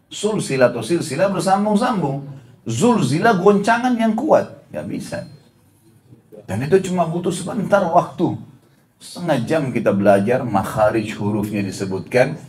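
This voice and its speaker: A middle-aged man giving an Islamic study lecture as a preacher. He speaks straight to his audience, repeats his points and slowly sounds out Arabic letters to show how to say them. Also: mid-range voice, a little mellow.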